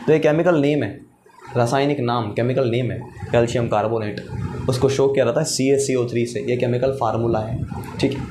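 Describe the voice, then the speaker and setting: A man's voice: mid-range voice, a little mellow, a little hiss or hum. A man teaching chemistry in a classroom-style lecture. He asks questions, answers them himself, and repeats each step.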